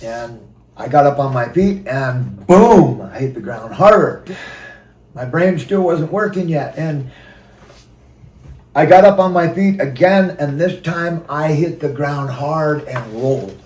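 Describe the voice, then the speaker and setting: A man recounting a personal story in a halting way, with fillers and quoted dialogue. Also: on the high side, animated, darkish tone. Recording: roomy sound from a distant mic.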